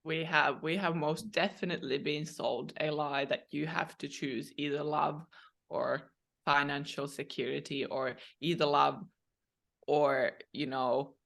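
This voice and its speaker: A woman dating coach giving advice as a guest in a conversational interview, measured and emphatic. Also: low-pitched, fairly even intonation, creaky, a bit bright.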